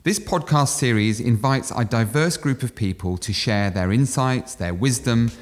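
A man's voice: mid-range voice, moderate pace. A man hosting a podcast, reading an upbeat intro and then putting questions to his guest. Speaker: podcast host.

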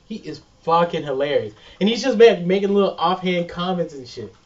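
Animated man, distant lo-fi podcast mic. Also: high voice, fairly quick. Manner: animated, swears a lot, laughs often. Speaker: podcast co-host. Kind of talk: casual chat.

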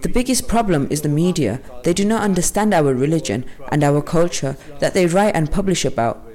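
Higher-pitched male documentary narrator. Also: lively intonation, fairly quick, a little mellow. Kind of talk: scripted narration.

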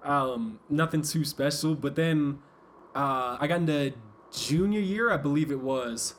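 A man's voice: a little high, unhurried, a little hiss or hum. Young man telling stories, laughing easily. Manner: laughs often, loose storytelling with fillers. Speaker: guest rapper. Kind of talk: casual chat.

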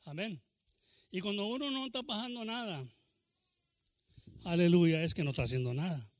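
An older man preaching a bilingual sermon, mixing Spanish and English, with frequent amens and hallelujahs and sudden drops into a soft, low voice. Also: moderate pace, no echo. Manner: preaches with exclamations of amen and hallelujah; switches between Spanish and English.

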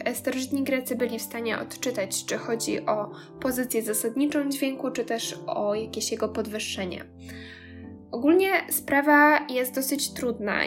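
A woman giving a spoken lecture on music history, explaining steadily with small hesitant fillers. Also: fairly high pitch. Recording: music playing clearly behind.

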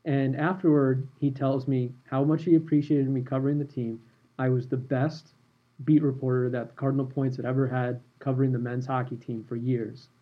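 A man hosting a podcast, telling a story in a relaxed, animated way. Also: medium pitch, moderate pace, phone-quality sound. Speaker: podcast host and former sports reporter.

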